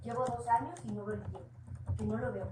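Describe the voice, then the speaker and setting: A woman's voice: a little high, fast talker. A woman with a Mexican accent, preaching informally at a house church meeting, earnest and conversational, with homely personal asides. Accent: Mexican Spanish. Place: room at a home church gathering. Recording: echoey room, distant mic, noisy background.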